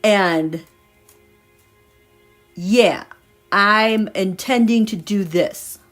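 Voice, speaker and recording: A woman's voice: medium pitch, extremely slow, soft background music. A woman reading tarot cards in a casual livestream, chatty and meandering as she thinks aloud. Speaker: tarot reader.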